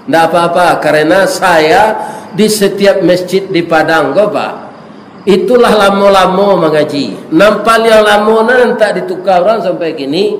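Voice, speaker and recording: An older man with a Minangkabau accent preaches to his congregation in a fairly high voice, weaving in proverbs and questions to the crowd. His voice carries the long echo of a big mosque hall, with a faint hiss underneath. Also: a little slow. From West Sumatra. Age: 70s. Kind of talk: mosque sermon. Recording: echoey mosque hall, faint background noise.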